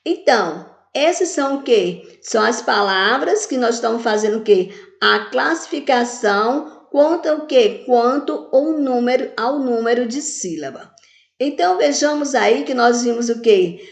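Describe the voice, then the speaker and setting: In an echoey room, a primary school teacher with a slightly high, gravelly, expressive voice records a video lesson for children. Speaking a little slowly, she answers her own questions and stretches each word out syllable by syllable.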